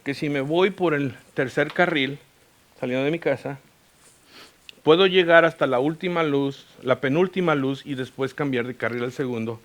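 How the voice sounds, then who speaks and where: A man delivers a sermon as a pastor, sliding English words into his storytelling. His voice sits a little high and rings bright and forceful. He swings from loud, lively telling to hushed, quiet passages. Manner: mixes English words into Spanish. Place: church.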